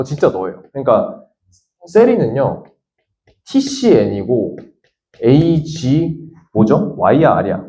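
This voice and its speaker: A man's voice: mid-range voice, darkish tone, slight background noise. A man teaching science in a lecture, thinking aloud as he works through a problem and voicing students' questions himself. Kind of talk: lecture with a worked example. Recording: dull lo-fi lecture audio.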